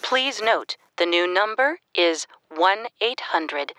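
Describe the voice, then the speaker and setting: A woman's voice: slow, dry recording, clean studio sound. Spliced phone message woman's voice. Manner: flat recited numbers with uneven jumps in pitch and speed between pieces. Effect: spliced-together recorded phone message, words joined from separate clips. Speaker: automated phone operator message.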